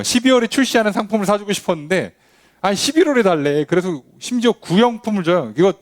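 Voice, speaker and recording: A male pastor teaches a midweek Bible study, talking to his listeners conversationally and peppering them with rhetorical questions. His voice sits a little high and swings widely in pitch as he acts out the quoted voices in his stories.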